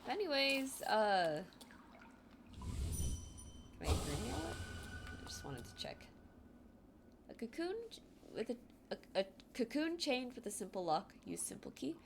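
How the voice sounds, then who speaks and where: Over game music and background noise, a chatty woman streamer with a light Filipino accent speaks in a fairly high, sing-song voice, unhurried and pausing often. Live-streaming while she plays, she laughs a lot, reads chat aloud and is self-deprecating.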